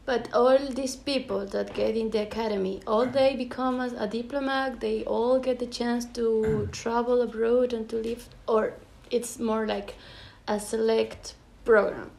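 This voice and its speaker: A woman's voice: on the high side, steady tone, unhurried, vocal fry, darkish tone. A woman from Ecuador hosting a casual interview, speaking with enthusiasm. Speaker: host. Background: music.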